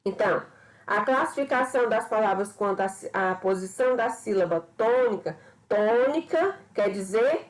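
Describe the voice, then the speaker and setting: A woman's voice: medium pitch, rough recording. A woman teacher giving a recorded grammar lesson, explaining patiently and often checking with her students. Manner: explanatory, repeats points and checks with "certo?".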